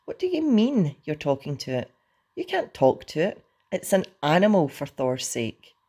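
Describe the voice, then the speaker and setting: A man's voice: on the high side, big pitch swings, moderate pace, darkish tone. A man voicing a fretful young Viking boy who talks in fussy, incredulous questions. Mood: astonished.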